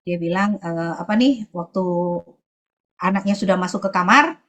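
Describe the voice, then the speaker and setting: A woman from Sulawesi giving a personal testimony at church, often pausing to search for her words. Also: mid-range voice, fairly bright tone.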